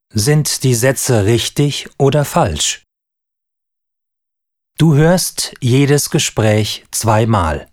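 A man narrates a language-course listening test. He reads very slowly and deliberately, with a lively, clear intonation. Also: medium pitch. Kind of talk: instructional narration.

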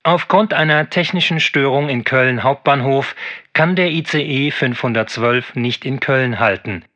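A man reading a formal, measured train announcement over the intercom. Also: medium pitch, bright, forceful tone. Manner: formal, measured, evenly paced. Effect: heard over a train intercom. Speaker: train announcer in a listening exam. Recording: dull, muffled intercom sound.

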